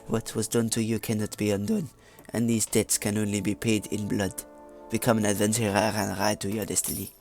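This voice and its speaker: A man's voice: on the low side, flat delivery, fairly quick, few pauses, a little mellow, natural voice. A man reading game story text aloud in a hammy mock French accent, stumbling over words as he goes, with faint game music behind.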